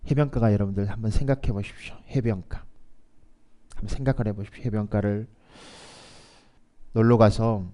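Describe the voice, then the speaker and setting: A man preaching a Sunday sermon as pastor, moving between quiet asides and loud, emphatic rises, and calling on the congregation to repeat lines aloud. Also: lowish voice.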